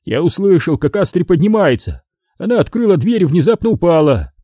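A man's voice: sits high, very animated, a little fast, dark tone, dry recording, clean studio sound, pitched above the performer's own voice. A man reading an audiobook voices a nervous, fussy middle-aged father who babbles excuses. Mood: anxious. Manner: flustered, babbling.

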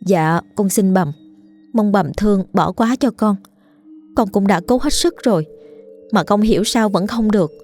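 A woman's voice: mid-range voice, moderate pace, faint music behind, pitched above the performer's own voice, natural voice. A woman doing a meek, pleading young wife. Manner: soft and pleading.

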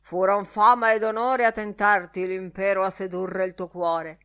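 A woman reading an audiobook, voicing a tipsy male newspaper editor who barks his lines loudly and abruptly. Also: high-pitched, steady tone, normal speed, clean tone. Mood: blustering.

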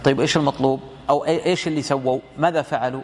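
A man's voice: medium pitch, steady tone, rapid-fire, a little mellow, a little hiss or hum. A man giving a lecture commentary on hadith as a religious teacher, explaining through rhetorical questions and retold dialogue.

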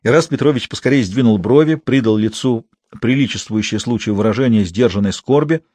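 A man narrating a literary novel in a measured, even storytelling manner. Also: mid-range voice, no room sound. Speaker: audiobook narrator.

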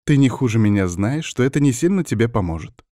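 A man's voice: fairly low pitch, expressive, quick pace, no room sound, close to an everyday voice. Guy doing a snappy witch lady in an audiobook, curt, close to losing it, dry recording. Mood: grumbling. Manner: curt, snapping, edging on hysteria. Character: stern, tearful woman witch healer. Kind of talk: audiobook character voice.

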